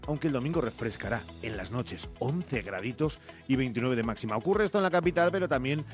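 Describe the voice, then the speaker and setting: A male radio presenter with a Castilian accent and a medium-pitched voice. He hosts live with playful, theatrical banter and teasing asides, over faint music. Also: expressive, brisk. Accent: Castilian Spanish. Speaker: radio host.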